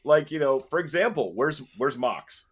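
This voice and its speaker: A man's voice: mid-range voice, expressive, normal speed, husky. A man hosting a podcast, talking casually with wry, opinionated commentary and laughing while he makes his points. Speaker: podcast host. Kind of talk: casual chat.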